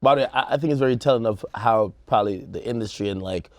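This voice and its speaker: A man with a rather low voice co-hosts a music news show, talking fast in a casual, slangy panel discussion as he thinks aloud. There's no echo on the recording.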